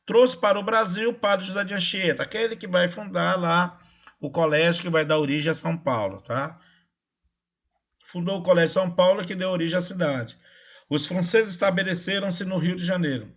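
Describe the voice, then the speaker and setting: Male history teacher, slightly high voice, casual online lecture. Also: moderate pace, a bit bright. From Brazil. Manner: casual, checks in with "tá?" and "né?".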